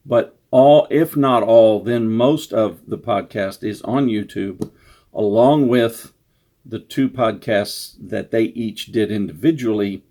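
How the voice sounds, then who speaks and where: A man with a lowish, warm voice casually introduces his own story as its author. The introduction is unscripted, rambling, and self-deprecating.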